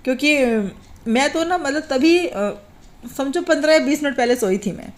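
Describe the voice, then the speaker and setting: A woman chatting to her viewers in a casual home vlog while cooking in her kitchen. She rambles, repeats filler phrases and clears her throat after a recent cough. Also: high voice, expressive, moderate pace. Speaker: home vlogger and mother.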